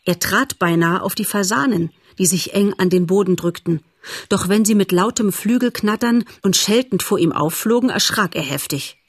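Woman narrator, husky voice, lowish pitch, dry close sound, calm storytelling. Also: moderate pace, no echo. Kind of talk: audiobook narration.

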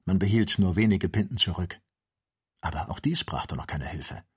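A man reading an audiobook in a measured, even storytelling manner. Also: low voice, slightly rough. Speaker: audiobook reader. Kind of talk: scripted audiobook narration.

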